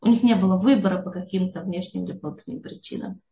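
A woman's voice: lowish voice, quick pace, gravelly, dark tone, roomy sound, dull audio. A woman explaining a psychology idea to an audience, often checking in with a questioning "yes?". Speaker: psychology speaker.

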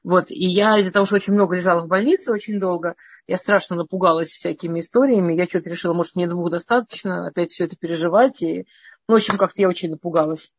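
A woman's voice: on the low side, steady tone, fast, breathy edge, no room sound, lo-fi sound. A middle-aged woman from Russia casually telling her life story in a meandering way, often restarting and stammering over words.

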